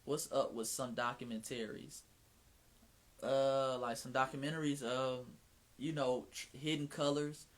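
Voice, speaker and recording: A man from Atlanta with a Southern Mississippi twang hosts his own livestream at a measured pace, his medium-pitched voice showing little pitch movement. The chat is casual, frank and full of slang, with profanity and frequent restarts.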